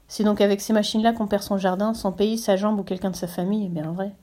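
A woman's voice: mid-range voice, fairly even intonation, quick pace, dark tone, natural voice. A woman reading a storybook voices an earnest, indignant young boy who raises his voice to be heard. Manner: pleading, straining to be heard.

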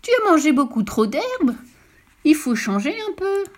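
A woman voicing a kind male fox in a children's story who nurses a sick cow, speaking high and anxiously. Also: sing-song, a little slow. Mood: alarmed.

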